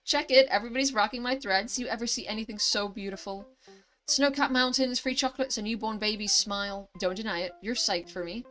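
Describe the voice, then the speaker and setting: A woman's voice: fairly high pitch, fairly quick, fairly bright tone, lightly acted. A woman voicing a brash, flamboyant teenage boy from a mobile story game, with sassy, boastful banter.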